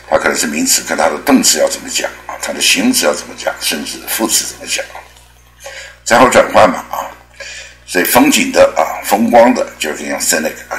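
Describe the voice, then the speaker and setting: Very deep-voiced man teaching, echoey room. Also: fairly bright tone. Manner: chatty, many drawn-out filler particles. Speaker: English teacher. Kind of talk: spoken language lesson.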